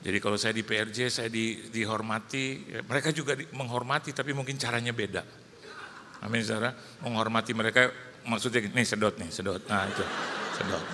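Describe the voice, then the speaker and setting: A male pastor preaching, telling a comic story and acting out the dialogue in lively bursts. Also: medium pitch, brisk, a little hiss or hum. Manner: animated, jokey storytelling with acted-out dialogue. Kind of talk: sermon with storytelling. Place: large church hall. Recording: live hall reverb, faint ambience.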